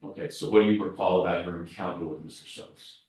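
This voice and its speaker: A lower-voiced man examines a witness in a courtroom recording, his halting questions full of restarts. He sounds far from the microphone, and the room rings with heavy echo. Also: steady tone, a little mellow. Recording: very echoey courtroom audio from far off.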